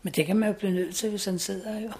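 A woman's voice: medium pitch, fairly even intonation, dark tone. A woman in her sixties talking casually in an interview, chatty and always adding tag questions.

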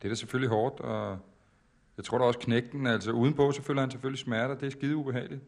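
A man with a middle-pitched voice talks in a calm, reflective way. He muses aloud and hesitates with fillers as he thinks. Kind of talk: reflective casual talk.

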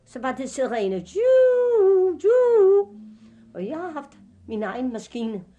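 Older woman, halting speech. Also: a little high, animated, darkish tone, highs cut off. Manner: halting, with fillers and slips of grammar. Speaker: witness recounting her past. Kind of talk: personal testimony.

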